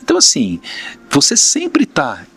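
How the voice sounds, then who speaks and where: A man's voice: fairly high pitch, huge pitch swings, measured pace, a bit bright, husky. A man from Brazil, a podcast guest and mentor, telling candid stories of his businesses in casual interview talk. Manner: storytelling, plain-spoken, candid.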